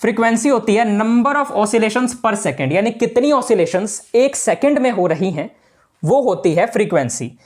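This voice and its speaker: A man's voice: high voice, animated, moderate pace. A male teacher giving a casual physics lesson to students, talking informally and repeating the key points.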